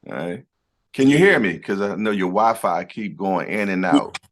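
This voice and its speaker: Fields: Sex: man. Role: boxing show host. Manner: upbeat, lively pitch. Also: normal speed, a little hiss or hum. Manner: upbeat, brief affirmations. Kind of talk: casual interview over a video call.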